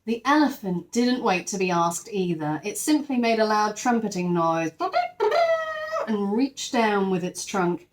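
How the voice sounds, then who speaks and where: Reading expressively and a little slowly in a mid-range voice, a teacher brings a storybook to life for young children. This animated woman pauses for chatty comments directed at her young audience.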